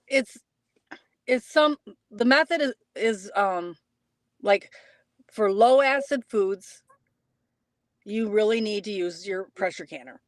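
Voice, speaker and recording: Woman, guest co-host, medium pitch, dry sound, casual explaining, plain-spoken, halting. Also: no echo.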